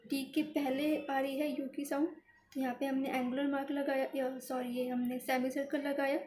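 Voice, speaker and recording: A woman's voice: high-pitched, darkish tone, a little hiss or hum. A woman teaching a shorthand lesson, explaining each stroke step by step and repeating the result as she writes. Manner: methodical, repeats each step while writing.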